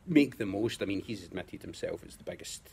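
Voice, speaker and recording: A Scottish man talks football as a guest, measured and unhurried, often restarting his sentences. His voice sits very low, with a gravelly crackle at the bottom. There is a faint hiss behind him. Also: animated, a little mellow. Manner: measured, repeats words while finding his point. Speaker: guest pundit. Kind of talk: casual football chat.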